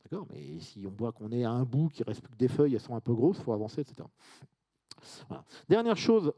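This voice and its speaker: French guy presenting at a conference, mellow voice, loose and chatty, keeps asking the room stuff. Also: medium pitch, big pitch swings, fast. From France. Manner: chatty and informal, with asides and audience questions. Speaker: conference speaker. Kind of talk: conference presentation to a live audience.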